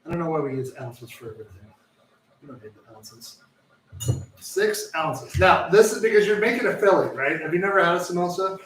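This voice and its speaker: A rambling man hosts a live cooking show from his kitchen, and his voice comes across bright and somewhat pitched up. He keeps correcting himself and cracking jokes as he cooks. The sound is roomy and echoey, since he stands back from the mic. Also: expressive, quick pace, recorded from a distance, slight background noise. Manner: rambling, self-correcting, joking. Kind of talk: casual live cooking chat. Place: home kitchen.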